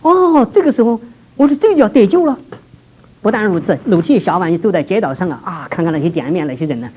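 A man preaching a personal testimony, telling his story vividly and swinging between hushed and raised passages. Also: sits high, lively intonation, fast, breathy edge, rough recording. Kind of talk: testimony sermon.

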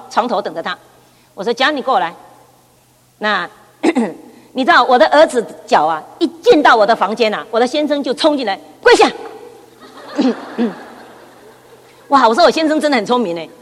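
A middle-aged woman shares her personal testimony at church, with a somewhat high voice. She tells the story in a lively way and keeps repeating words as she goes. Her voice rings with the long reverb of a hall. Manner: lively storytelling with frequent repetitions. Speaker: church speaker giving testimony.

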